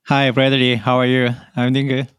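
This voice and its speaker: A man from South Korea with a Korean accent, whose first language is Korean, chatting as a podcast guest in halting English with many fillers. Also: mid-range voice, completely flat delivery, fairly bright tone, smooth, no echo, clean studio sound. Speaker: podcast guest, online seller. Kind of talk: casual interview chat.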